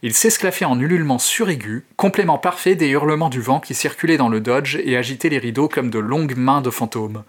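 A man and host narrating a horror short story in an expressive, theatrical way. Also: mid-range voice, fairly quick, hardly any pauses. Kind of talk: dramatic reading of a horror story.

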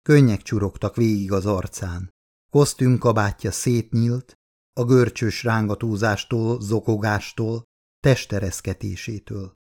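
Man reading an audiobook, lowish voice, calm and measured. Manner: measured, subdued literary reading. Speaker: audiobook narrator. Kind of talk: scripted narration.

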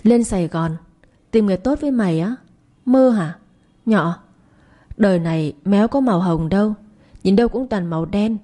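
A woman's voice: mid-range voice, moderate pace, long pauses, dark tone, natural voice. A woman voicing a scrappy, cynical poor teenage boy who talks bluntly. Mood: scornful. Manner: blunt, scornful.

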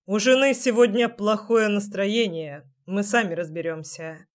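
A pushy young man with a gruff, drawling voice, as a woman narrator puts him on. He teases and mocks, stretching his words out slowly and dropping low. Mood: mocking.

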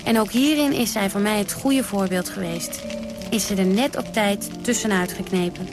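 A woman's voice: medium pitch, normal speed, music in the background, lightly acted. An actress playing a brash, defiant woman who tells of her wild nights in a theatrical radio monologue, blunt and dry with sudden outbursts. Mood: fierce.

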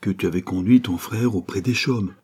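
A man reading as a kindly older priest, gentle and questioning. His voice is low and mellow with a husky edge, in a spoken story. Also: moderate pace.

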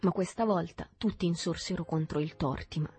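A woman reading a novel aloud in calm, measured narration. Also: fairly low pitch, faint music behind. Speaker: reader. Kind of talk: scripted narration.

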